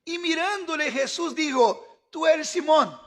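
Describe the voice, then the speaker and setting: Very high-voiced fervent male preacher. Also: a little slow. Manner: fervent preaching, shouting at peaks. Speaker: pastor. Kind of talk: sermon.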